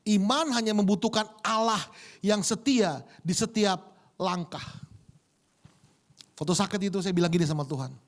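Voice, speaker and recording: A male preacher with a strikingly high voice delivers a sermon in a chatty, lively manner. He jokes and keeps turning to the congregation with rhetorical questions, speaking to them directly. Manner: repeatedly addresses the congregation directly.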